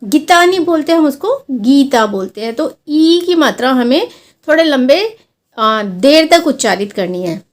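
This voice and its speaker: High-voiced woman teaching Hindi vowel signs. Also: lively intonation. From India. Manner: slow, careful explanations, drawing out sample words to show long and short vowels. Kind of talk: classroom-style lesson explaining vowel signs.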